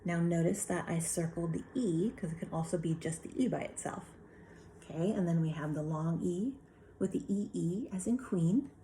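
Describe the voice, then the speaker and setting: Low-voiced woman teaching phonics. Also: normal speed, warm tone, a little hiss or hum. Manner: patient, asks and answers her own questions. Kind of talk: remote phonics lesson.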